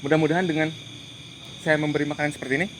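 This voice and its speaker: A man hosting a paranormal investigation, giving hushed, tense live commentary outdoors at night among trees, muttering prayers and pleading. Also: fairly high pitch, flat delivery, very fast, slight background noise. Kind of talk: live ghost-hunting commentary.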